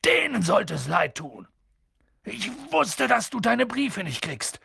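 A man reading an audiobook and voicing a huge, hot-tempered but kind male giant who swings between hushed whispers and booming shouts. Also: big pitch swings, a little slow, gravelly, slightly rough, full character voice. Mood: indignant.

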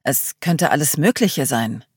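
A woman reading the part of a calm, guarded man leading a group, speaking tersely and evasively. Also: sits low, unhurried, breathy edge, dry recording, studio quality, exaggerated voice. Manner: terse, composed, ominous.

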